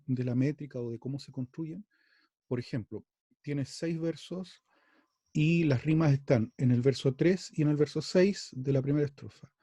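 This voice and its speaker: A man from Chile gives an online lesson on verse and meter at an unhurried pace. His tone is mellow, and he often stops to repeat a word before going on. The sound is dry and close, with no room around it. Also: medium pitch, no echo. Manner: slow and halting, repeats words, spoken examples. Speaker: music teacher. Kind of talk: online class lecture.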